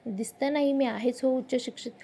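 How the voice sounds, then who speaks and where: A serene old wanderer near seventy speaks in slow, thoughtful sentences from a storybook, voiced by a woman. The tone is dark and gravelly, a little raised in pitch. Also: steady tone. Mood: calm, musing.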